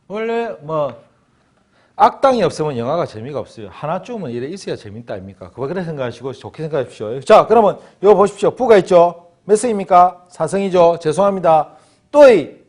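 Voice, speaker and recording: Lively guy teaching chinese, bounces up and down a lot, acts out little scenes. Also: a little high. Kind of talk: lively classroom lecture.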